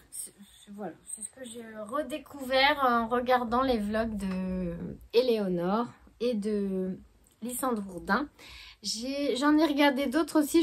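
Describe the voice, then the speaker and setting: A woman hosting her knitting podcast, chatting casually and hesitantly with many fillers. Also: on the high side. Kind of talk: casual chat.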